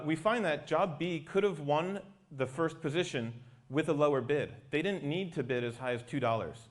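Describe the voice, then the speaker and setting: Guy explaining tech stuff in a presentation, medium pitched voice.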